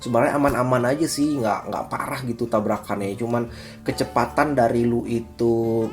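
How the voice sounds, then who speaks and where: A man in his thirties from Indonesia, telling a personal story in a casual, slangy, animated vlog style. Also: mid-range voice, moderate pace. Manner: chatty, slangy, animated retelling with acted quotes. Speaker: vlogger. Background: faint guitar music.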